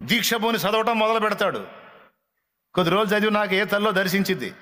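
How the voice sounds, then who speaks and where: Fiery high-voiced preacher in an echoing hall. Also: male voice, fairly quick. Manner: scolding, repetitive, rising to loud rebukes. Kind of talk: fiery sermon. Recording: long hall reverb.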